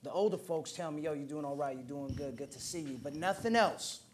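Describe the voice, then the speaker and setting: Casual personal stories come from a man in his twenties from Oakland, California, who has an American accent and is taking part in an indoor roundtable discussion at a museum. He talks fairly quickly in a slightly high voice, with a little hiss or hum audible.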